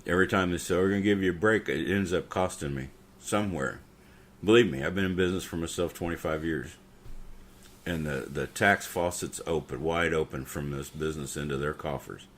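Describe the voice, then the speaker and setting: A man's voice: very deep voice, brisk, a bit bright, slight background noise. A middle-aged man ranting bitterly and profanely in a casual podcast conversation. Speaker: podcast co-host. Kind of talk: casual political rant.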